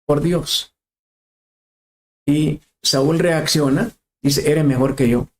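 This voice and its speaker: A man preaching a sermon, asking questions and repeating phrases for emphasis. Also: on the high side.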